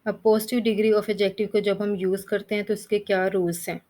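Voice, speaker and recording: A woman's voice: mid-range voice, little pitch movement, normal speed, warm tone. A woman teaching English grammar, explaining rules step by step, spelling out letters and reading lists of word forms. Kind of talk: Hindi-language grammar lesson.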